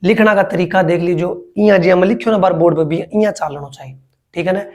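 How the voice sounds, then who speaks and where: A man's voice: sits high, brisk, a little mellow. A man with a Rajasthani accent teaching a history lesson for exam preparation, repeating key words and joking with students. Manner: chatty, jokes with students.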